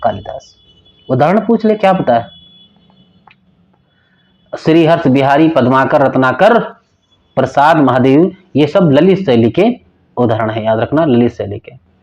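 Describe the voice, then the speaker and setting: A man teaching an exam-prep lecture, repeating key terms and telling students to remember them, sometimes chanting verse slowly. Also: medium pitch, expressive, a little mellow, highs cut off. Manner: recites verse slowly in a sing-song chant.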